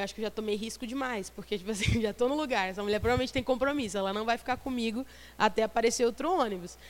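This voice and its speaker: A young woman preaching at a youth service, telling a personal testimony in an animated storytelling way. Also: fairly high pitch, big-room sound. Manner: animated storytelling, quick asides and laughs.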